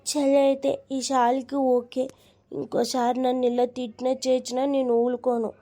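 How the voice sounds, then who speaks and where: A woman's voice: high voice, level tone, normal speed, mellow. A woman voicing a bratty cartoon little girl, a bossy younger sister who tattles and turns on fake tears. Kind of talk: cartoon voice dubbing.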